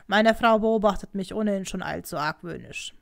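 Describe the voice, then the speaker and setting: A woman's voice: medium pitch, moderate pace, vocal fry, lightly acted. A woman voicing an angry married man in an audiobook reading, curt and firm.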